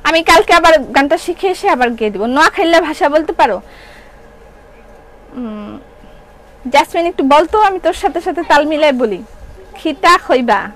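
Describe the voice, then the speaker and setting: A woman's voice: sits high, animated, normal speed, pauses often, low-quality recording. A woman from Bangladesh who owns a clothing shop, selling live from her showroom and chatting with viewers while repeating prices again and again. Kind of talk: live product selling, reading viewer comments.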